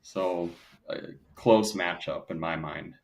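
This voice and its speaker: A man with a Wisconsin accent hosts a relaxed sports podcast. His voice is very low. He talks through matchups conversationally, catches and fixes his own slips, and puts questions to his guest. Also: takes it slowly, creaky. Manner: conversational, self-correcting, asks questions. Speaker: podcast host. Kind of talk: casual podcast chat.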